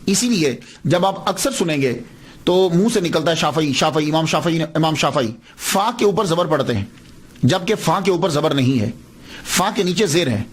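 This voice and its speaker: A man's voice: high voice, expressive, slightly rough. A man giving a patient, explanatory religious lecture, repeating words to stress how they are said.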